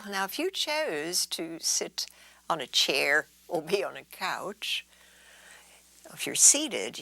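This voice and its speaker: A woman teaches yoga in a soothing, unhurried way, guiding relaxation and gentle stretches and drifting into breathy near-whispers. Her voice is fairly low in pitch, and the recording is dry.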